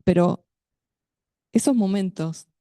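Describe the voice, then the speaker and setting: A woman with a medium-pitched, dark-toned voice gives a sermon at a women's meeting, recorded dry. Her delivery is measured, and she addresses her listeners directly as "sister" while questioning them.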